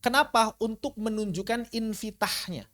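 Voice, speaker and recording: A Quran recitation teacher giving an online tajwid lesson, asking rhetorical questions, answering them, and slowly sounding out Arabic letters as examples. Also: mid-range voice, a bit bright. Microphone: online class recording.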